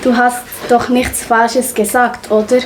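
A woman's voice: fairly high pitch, a little slow, a little hiss or hum, close to an everyday voice. A woman playing an easygoing young wolf. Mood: relaxed. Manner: calm, unbothered.

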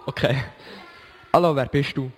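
A man's voice: medium pitch, moderate pace. A man interviewing children in a casual way, asking short, repeated questions. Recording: long hall reverb.

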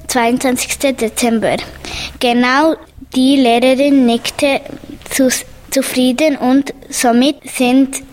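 Woman, high voice, halting storybook reading. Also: a little hiss or hum. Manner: halting, breaks words off.

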